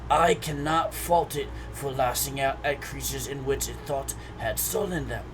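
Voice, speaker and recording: A man's voice: mid-range voice, moderate pace, natural voice. A man voicing a sheltered, formal male adventurer who talks politely and hesitantly in a tabletop role-play, over a noisy hum. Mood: prim.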